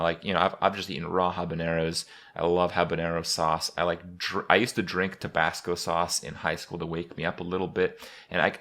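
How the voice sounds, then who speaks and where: A man hosting a gaming video, giving casual commentary looking back, rambling and halting with pauses and repeats. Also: sits low, a bit bright.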